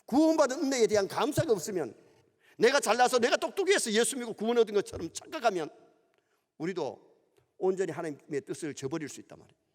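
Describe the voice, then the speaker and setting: A middle-aged pastor with a Gyeongsang Korean accent, preaching a sermon in an animated storytelling manner in a church sanctuary. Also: male voice, sits high, quick pace. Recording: long church hall reverb.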